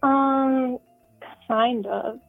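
A woman's voice: high voice, steady tone, very slow, soft background music. An eighteen-year-old woman calling in to a show over the phone, chatting casually with lots of "um"s and "like"s. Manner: chatty, with many "um"s and "like"s. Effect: heard over a phone line. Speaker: caller. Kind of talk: casual call-in chat. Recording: tinny phone line.

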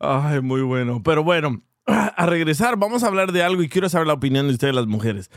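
A man hosts a casual radio talk. His voice sounds a little high for a man and very dry and close to the mic, and he laughs easily as he moves the conversation along. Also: expressive, no echo. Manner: laughs easily, quick reactions, steers the talk. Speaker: radio host. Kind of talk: casual chat.

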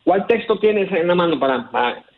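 A man's voice: high voice, animated, normal speed. A man calling in by phone, patiently explaining and correcting a pronunciation in casual talk. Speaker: caller. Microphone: telephone. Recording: tinny phone line.

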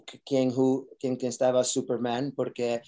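Bilingual man with a dark, mellow voice. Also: mid-range voice, completely flat delivery. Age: adult. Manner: mixes Spanish with English phrases; halting, searches for Spanish words. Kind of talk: casual interview talk.

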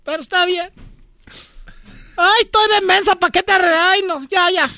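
A woman's voice: very high-pitched, moderate pace, bright, forceful tone, no room sound, exaggerated voice. A woman playing a jealous, nagging Mexican housewife who scolds her husband in sarcastic rants, with a Mexican accent. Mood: exasperated. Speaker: comedy sketch performer.

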